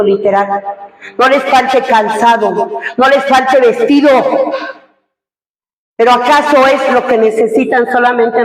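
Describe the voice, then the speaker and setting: Middle-aged female pastor, emotional testimony style with rhetorical questions; long hall reverb. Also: sits high. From Mexico. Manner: emotional, asks the congregation many rhetorical questions. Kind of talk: church testimony to a congregation. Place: large church hall. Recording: echoey hall heard from far off.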